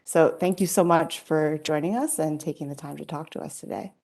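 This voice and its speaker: A woman working as a research assistant hosts an interview, reading a polite, formal introduction from notes and asking questions. Her low, slightly mellow voice has vocal fry and runs a little fast.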